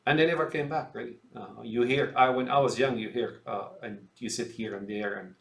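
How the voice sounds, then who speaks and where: A man's voice: medium pitch, brisk, vocal fry. A man from Syria giving a rambling political monologue, full of fillers and repeated words, calling his listeners "folks". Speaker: commentator. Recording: roomy echo.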